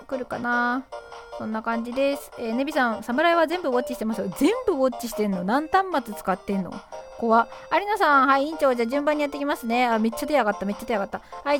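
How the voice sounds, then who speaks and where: A woman hosting a casual live stream, playfully reading listener comments aloud and quipping back at them. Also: high-pitched. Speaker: livestream host. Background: background music.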